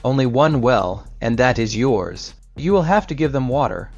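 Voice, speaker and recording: A man voicing a pious old man who stays calm and firm in his faith, read storybook-style. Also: mid-range voice, moderate pace, creaky, no echo. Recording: slightly dull recording with soft music.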